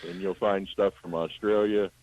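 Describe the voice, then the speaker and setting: Low-voiced guy phoning in to a radio show, laid back, kinda muffled line. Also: moderate pace, no echo. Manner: relaxed, rambling, many fillers. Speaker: phone-in guest, magazine publisher. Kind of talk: casual radio call.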